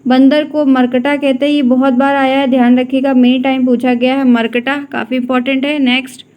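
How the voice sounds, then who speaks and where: A woman's voice: sits high, little pitch movement, a little fast, darkish tone. A woman teacher going through an exam-prep lesson, repeating key words and reminding students to keep them in mind.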